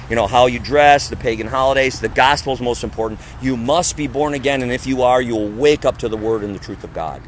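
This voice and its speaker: In a parking area, a man preaches on the street to a small gathering in a conversational style, his mid-range voice carrying a little hiss or hum. He stresses his points hard, throws out rhetorical questions, and imitates the voices of others.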